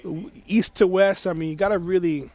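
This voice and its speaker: A man giving chatty color commentary on a high school football game, full of "you know" and "I mean". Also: fairly even intonation, normal speed, darkish tone.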